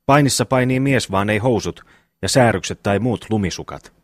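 Timo, a man reading a slow simple-minded brother. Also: fairly low pitch, no room sound, clean studio sound, lightly acted. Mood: good-natured. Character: slow, good-natured simple young brother.

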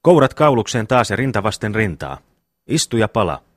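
A man reads a hot-tempered young brother who blusters and boasts in a deep, lively voice that swings up and down. It is an audiobook voice, recorded dry and close. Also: no echo. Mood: blustering.

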